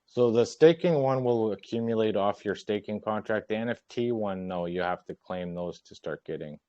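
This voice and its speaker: A fairly low-pitched man takes questions in a casual voice chat and talks through answers calmly, restarting a sentence now and then. His audio is dry and close, with a muffled lo-fi edge from the call. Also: normal speed, dry recording. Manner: relaxed, explains plainly, with some restarts. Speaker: token project team member hosting a Q&A. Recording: dull lo-fi voice chat.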